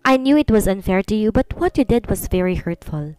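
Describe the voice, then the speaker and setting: A woman's voice: mid-range voice, animated, moderate pace, a little mellow, clean tone, no echo, close to an everyday voice. A woman voicing a hurt young wife who refuses sharply and then reproaches through tears, in a storybook reading.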